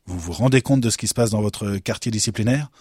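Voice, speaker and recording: A man's voice: on the low side, quick pace, a little mellow, breathy edge, no room sound, studio quality. A man voicing an indignant prison director who scolds his staff in an outraged tone.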